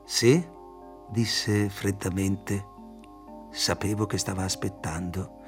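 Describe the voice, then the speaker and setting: Man, audiobook reader, middle pitch, measured, faint music behind. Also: creaky. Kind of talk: literary audiobook narration.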